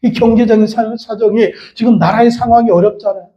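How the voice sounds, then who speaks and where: A man, a pastor, preaching a sermon with repeated phrases and leading the congregation in shouted prayers. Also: sits high, steady tone, fast, dull audio.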